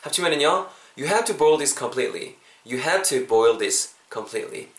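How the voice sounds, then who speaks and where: Lively man teaching English. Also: fairly high pitch, drawn-out words. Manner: animated, spells words out, mixes English phrases. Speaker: English teacher podcast host. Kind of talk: casual language lesson. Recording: roomy echo.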